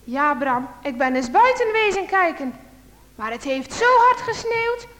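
A woman voicing a kind, careful father who gently reassures his son in a children's storybook reading. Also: high-pitched, sing-song, measured pace, full character voice. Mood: gentle. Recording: long hall reverb.

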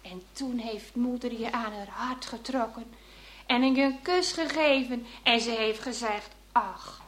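A woman reading aloud voices a gentle, pious middle-aged father speaking tenderly to his daughter in a children's story. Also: fairly high pitch, a little slow.

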